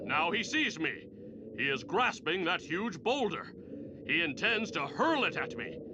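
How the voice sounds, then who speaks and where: A man playing a proud, righteous thunder god in an animated superhero comic, with lofty archaic declamation over music. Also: high voice. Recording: loud music under the voice.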